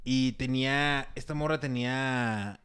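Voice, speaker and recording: Young mexican guy telling a story, slangy, stops and restarts a lot, regular pitch. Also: unhurried, a bit bright, smooth. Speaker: podcast co-host. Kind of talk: casual chat.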